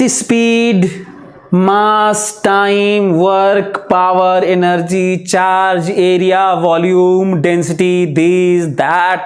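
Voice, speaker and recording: A man teaching physics, listing terms slowly and repeating himself, with moral asides. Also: high voice. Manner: slow, repetitive, lists terms aloud, drifts into moral asides. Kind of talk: classroom lecture.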